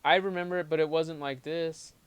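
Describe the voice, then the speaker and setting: A man's voice: fairly high pitch, fairly even intonation, brisk, smooth, no room sound. A man co-hosting a casual live-stream chat, reading viewer comments aloud and talking in restarts. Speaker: co-host.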